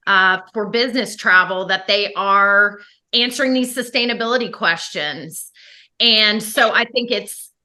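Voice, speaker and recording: Bright, forceful woman in an interview. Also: medium pitch. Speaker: interview guest, hospitality sustainability expert. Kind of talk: conversational interview answers.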